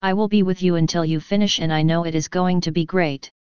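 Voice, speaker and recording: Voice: mid-range voice, fairly even intonation, a little fast, a little mellow, clear, resonant tone, no room sound, lo-fi sound, close to an everyday voice. A preacher voicing a humble blacksmith servant who reassures his friends. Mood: encouraging.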